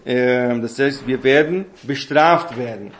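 A man giving a Bible teaching talk in a halting way, with many fillers and tag questions. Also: medium pitch, roomy sound. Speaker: preacher.

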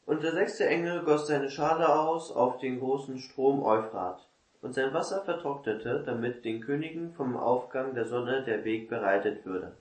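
Man reading bible passages aloud, steady and careful, mid pitch, echoey room. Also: moderate pace. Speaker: scripture reader in a Bible study.

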